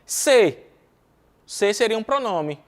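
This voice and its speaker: Brazilian man, Brazilian Portuguese accent, fairly high voice, exam-prep grammar lesson, rhetorical questions, repeats key terms, frequent "ok?". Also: expressive, slow pace. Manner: asks himself rhetorical questions and answers them; checks in constantly with "ok?" and "né?". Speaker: Spanish teacher.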